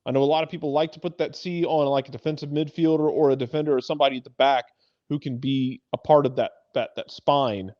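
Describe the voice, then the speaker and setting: On a talk show, a soccer pundit with a voice on the high side and fairly even intonation rattles off casual analysis quickly, repeating phrases to drive points home. No echo, though the lo-fi sound is a bit dull.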